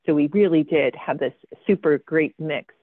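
A woman's voice: deep voice, normal speed, slightly rough, no echo. A woman giving a slide presentation about her research. She talks with frequent ums and dry, sarcastic asides. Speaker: guest speaker presenting research. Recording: tinny phone-like video call audio, dry.

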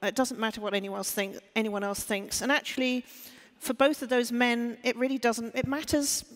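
Speaking at a moderate pace with a steady tone, a woman on a panel works through her ideas out loud, restarting and making sure listeners understand. Her voice runs a little high, and the large stage hall adds reverb.

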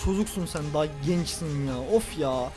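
A man giving let's play commentary on a football video game, ranting at the referee and swinging between loud outbursts and low grumbling. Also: expressive, normal speed. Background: faint background music.

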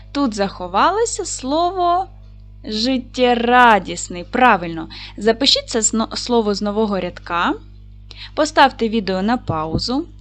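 A woman teaching an online lesson to young children, speaking clearly and stretching out words as she spells them. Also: mid-range voice. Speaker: primary school teacher.

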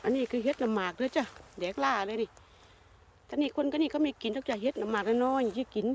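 An older Thai woman with an Isan accent, narrating a casual foraging vlog in a forest and chatting warmly to her viewers. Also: a little high, quick pace, slight background noise. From Thailand. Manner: chatty, warmly addresses viewers as kin, sweet polite endings. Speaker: vlogger. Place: forest outdoors.

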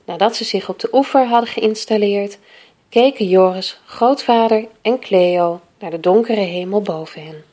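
A woman reading a children's picture book aloud in a lively, expressive way. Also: medium pitch, normal speed. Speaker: storyteller.

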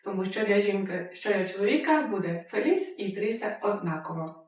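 A woman gives a language lesson, saying each example twice, slowly and clearly. Her voice rings in a very echoey room. She sits back from the microphone. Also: mid-range voice, lively intonation, recorded from a distance. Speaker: Spanish teacher.

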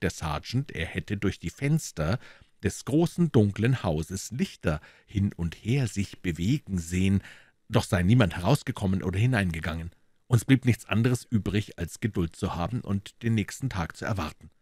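A man narrating a classic detective story as an audiobook reader, in a measured, dramatic way. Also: fairly low pitch, darkish tone, no room sound, clean studio sound.

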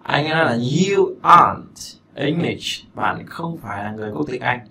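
Gravelly-voiced male English teacher. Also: mid-range voice, animated, bright, forceful tone, slight background noise. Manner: repeats and slows English phrases, then glosses them; chatty, joking asides. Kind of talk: language lesson explaining a listening exercise.

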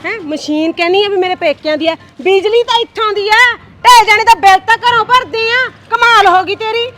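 A woman's voice: very high voice, a little fast, fairly bright tone. A woman with a Punjabi accent acting a stubborn sister-in-law who argues and taunts in a comedy short film. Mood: arguing. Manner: argumentative, taunting. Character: stubborn elder sister-in-law, bickering, defiant.

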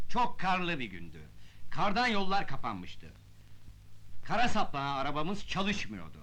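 Bright, high-voiced formal envoy. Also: male voice, exaggerated voice, low-quality recording. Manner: formal, declamatory. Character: formal male representative reading out a solemn testament. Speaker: representative of a deceased foreigner. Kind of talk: formal read-aloud speech in a film drama.

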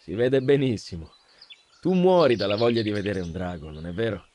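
A man's voice: on the low side, expressive, a little fast, a little mellow, a little hiss or hum, close to an everyday voice. A man voicing a genial, amused adult stranger who teases a boy in a storybook reading. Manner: jovial, teasing.

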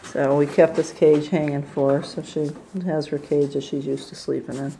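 A woman who rehabilitates squirrels, chatting gently on a casual video tour of an indoor room full of cages, recorded on a handheld camera mic. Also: sits low, flat delivery, moderate pace, slight background noise, low-quality recording. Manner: gentle, chatty, coos at animals.

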